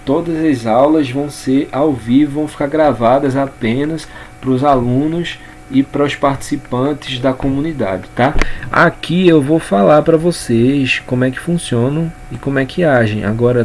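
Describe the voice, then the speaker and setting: A man's voice: medium pitch, normal speed, a little mellow. A man with a Brazilian Portuguese accent and a middle-range voice teaches a casual lesson on communication. He talks unhurriedly, circling back over words and restarting phrases as he goes. Faint noise sits under the recording. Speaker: communication coach. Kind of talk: informal spoken lesson.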